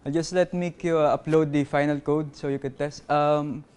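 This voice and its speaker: A man presenting a live coding workshop, halting and apologetic, with many fillers. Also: a little high, steady tone, a little mellow. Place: conference workshop room.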